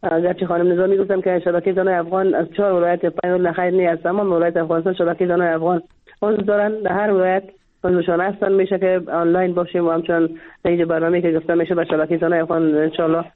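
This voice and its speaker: A woman's voice: lowish voice, little pitch movement. A woman with an Afghan Dari accent, a guest calling into a radio show, making an earnest, insistent appeal and often repeating herself. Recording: tinny phone line.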